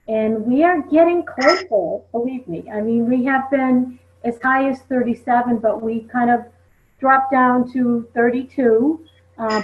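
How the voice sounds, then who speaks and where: A woman leading a team recognition call, speaking conversationally and peppering her talk with "you know". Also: fairly high pitch. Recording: tinny phone line.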